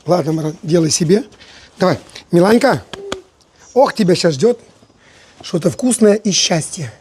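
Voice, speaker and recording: A woman's voice: on the low side, animated, moderate pace, a little mellow, a little hiss or hum. A woman with an Odessa Russian accent bantering casually as she cooks, playfully bossy and affectionate in a colloquial way. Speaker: home cook in a family food video. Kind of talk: casual banter while cooking.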